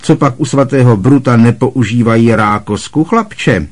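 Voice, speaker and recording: A man reading aloud, voicing a bossy, loud middle-aged aunt who barks harsh scolding at a boy. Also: sing-song. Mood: scornful. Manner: booming, barking and harshly scolding.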